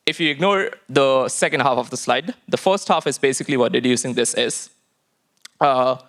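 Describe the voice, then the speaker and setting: A man giving an informal technical conference talk, halting and full of fillers and restarts. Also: medium pitch, a bit bright. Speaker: tech lead giving a conference lightning talk.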